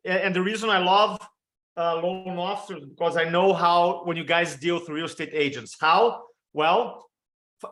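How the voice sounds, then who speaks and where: Heard over a video call with poor audio, a motivational storytelling coach in his fifties speaks in a fairly high, bright voice with a Brazilian Portuguese accent. He trains his webinar audience energetically, firing off lists of examples.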